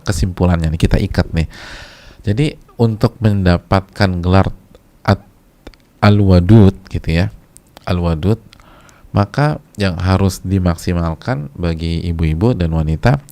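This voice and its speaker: A man's voice: low-pitched, creaky, mellow. A male preacher giving a casual religious lecture, talking conversationally, repeating key phrases for emphasis and sometimes chanting short religious verses.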